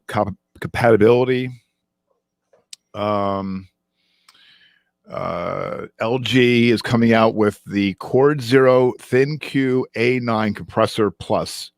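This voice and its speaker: A man co-hosting a casual tech news podcast, halting with many ums and restarts as he goes through the week's stories. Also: on the low side, no echo, studio quality. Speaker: podcast co-host.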